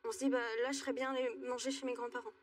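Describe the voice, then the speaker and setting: Brief: twenties, woman from Alsace, talk show guest, hesitant, high-pitched, slightly distant. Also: flat delivery. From Alsace, France. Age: 20s. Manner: hesitant, halting with many fillers. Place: TV studio.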